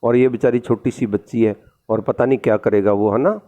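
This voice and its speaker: A man's voice: medium pitch, steady tone, fairly quick, muffled recording, natural voice. A man doing an indignant talking letter box.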